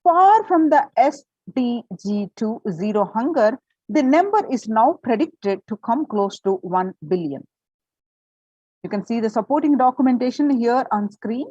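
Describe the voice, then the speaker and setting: A woman's voice: on the high side, lively intonation, measured pace, mellow, no echo, highs cut off. A woman presenting and reading a prepared article aloud, with the odd filler and restart.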